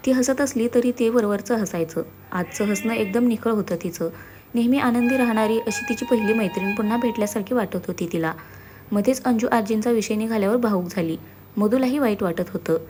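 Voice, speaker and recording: A woman's voice: fairly high pitch, a little fast, a little mellow, soft background music. A woman narrating a scripted story, reading every character's dialogue in her own voice. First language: Marathi. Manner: reads all characters' dialogue in her own voice, switching to Hindi for some.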